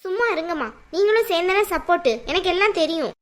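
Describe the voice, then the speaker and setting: [name], a woman voicing a fiery young woman. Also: extremely high pitch. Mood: bitter. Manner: scolding, demanding, quick to anger. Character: hot-tempered young woman, sharp-tongued and jealous. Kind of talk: cartoon voice acting.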